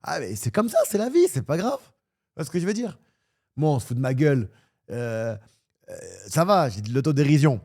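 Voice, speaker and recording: Rambling man chatting on a livestream, mellow voice. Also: on the high side, normal speed. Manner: rambling, crude swearing, animated and joking. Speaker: streamer and football pundit. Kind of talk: casual livestream chat.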